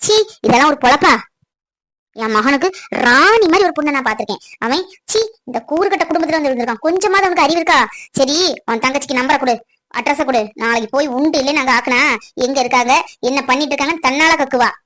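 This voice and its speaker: Woman playing a sneering angry mother, high-pitched, rapid, family skit. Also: a bit bright. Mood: accusing. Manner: scolding, accusing. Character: angry scolding mother of a runaway son. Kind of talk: family comedy skit acting.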